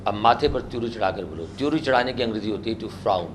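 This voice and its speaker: A man's voice: lowish voice, expressive, fast talker, very noisy. Man from India teaching a class. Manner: quizzes the class and drills repetition. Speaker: spoken English teacher. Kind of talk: classroom language lesson. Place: classroom with students.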